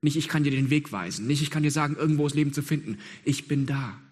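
A man's voice: fairly high pitch, rapid-fire, a little mellow. A man preaching a sermon in an earnest, emphatic way, with repeated phrases and rhetorical questions. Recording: long hall reverb.

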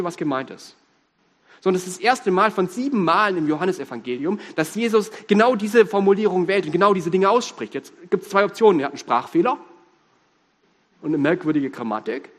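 A man with a Swabian accent preaching a sermon, lively, humorous and emphatic. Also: high-pitched. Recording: reverberant hall.

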